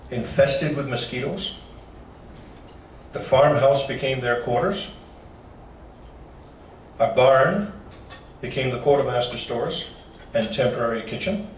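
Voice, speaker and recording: A man's voice: mid-range voice, slight background noise. Folksy man lecturing in a hall. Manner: folksy, with joking asides. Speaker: local history presenter. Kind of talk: slide-show talk to a club. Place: meeting room. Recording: roomy hall from far off.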